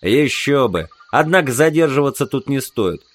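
A man's voice: medium pitch, lively intonation, moderate pace, close to an everyday voice. A man voicing a burly, practical infantry sergeant who talks matter-of-factly. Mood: plain.

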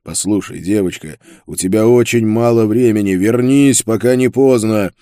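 A male prisoner urges someone with loud, pressing insistence, as voiced by an audiobook narrator. The voice stays low and dark and is recorded close and dry. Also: normal speed, no echo, lightly acted. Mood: urgent. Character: male prisoner, urgent and forceful. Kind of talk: audiobook character voice.

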